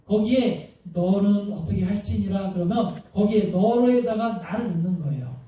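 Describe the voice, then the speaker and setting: Male pastor, high voice, mellow tone, lively preaching, heavy hall echo, mic set back. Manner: lively, keeps asking the congregation questions. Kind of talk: sermon. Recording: very echoey hall, mic at a distance.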